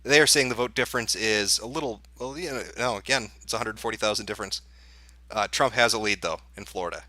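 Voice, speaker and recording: A man's voice: on the low side, fast talker, sharp tone, no echo. A man hosting a live election-night stream, chatting casually and reacting with sarcasm and profanity. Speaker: livestream host.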